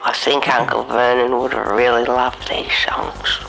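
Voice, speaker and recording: A man's voice: a little high, expressive, measured pace, vocal fry, poor audio. A man voicing a pompous, eccentric male taxidermist who speaks grandly and calls people mate and lad. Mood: fond.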